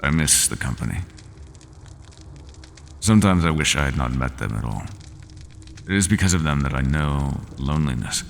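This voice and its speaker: A man voicing the Minotaur, a lonely, brooding bull-headed prisoner, in an ASMR roleplay, telling his story slowly and bitterly. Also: rumbling low, lively intonation, creaky, full character voice. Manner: slow, solemn and bitter storytelling. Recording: long reverb with faint ambient noise.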